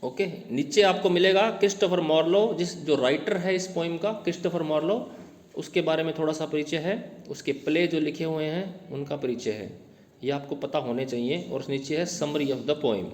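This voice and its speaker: A man teaching a poem to his class, explaining each line in Hindi mixed with English terms and reading the verse slowly. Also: fairly high pitch, a little mellow. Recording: echoey room, long reverb.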